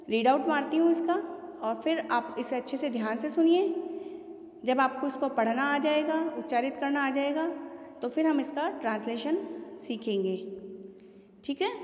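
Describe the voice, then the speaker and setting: A woman teacher with a high voice walks students through pronunciation, saying each word slowly and repeating it. She stops often to ask whether they follow. The sound rings around a hollow room with a long tail of reverb. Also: a little mellow. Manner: patient, repeats words slowly and asks students questions. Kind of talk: classroom lesson explaining Sanskrit pronunciation.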